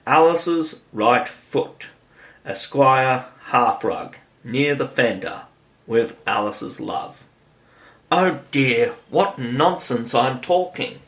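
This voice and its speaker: A man's voice: mid-range voice, expressive, extremely slow, a bit bright, full character voice. A man reading the part of a curious young girl who talks to herself in wonder. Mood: puzzled. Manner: musing aloud to herself.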